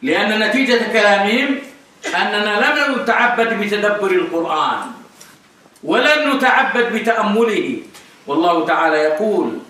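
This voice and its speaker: Scholar lecturing in a mosque, high ringing voice, emphatic repetition, distant mic in a reverberant hall. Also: male voice, lively intonation, normal speed, sharp tone. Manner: emphatic, repeats key phrases for stress. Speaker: Islamic scholar lecturing on creed. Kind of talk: religious lecture. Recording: echoey hall, voice picked up from afar.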